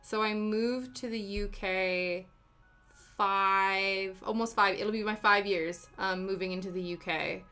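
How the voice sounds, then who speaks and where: With a clean, bright, forceful tone, a young Canadian woman speaks at a measured pace in a steady, mid-range voice. She's streaming from home in the UK, answering chat with giggly asides over faint background music.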